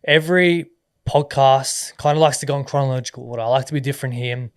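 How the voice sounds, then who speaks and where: A man hosting a podcast, who eases into his questions in a relaxed, conversational way. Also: medium pitch, quick pace, clean tone, no room sound, studio quality. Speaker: podcast host. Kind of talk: conversational interviewing.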